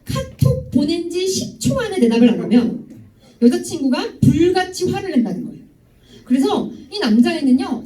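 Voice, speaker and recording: A young woman giving a youth sermon in a church hall, telling stories and teasing students with questions. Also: sits high. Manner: lively, teasing, asks students directly. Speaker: youth ministry speaker. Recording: echoey hall, voice from far off.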